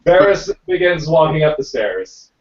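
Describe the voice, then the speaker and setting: A man's voice: on the high side, sing-song, unhurried. Hesitant male dungeon master. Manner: hesitant, thinking aloud with many fillers. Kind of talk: narrating a tabletop game. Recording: roomy, distant, dull amateur recording.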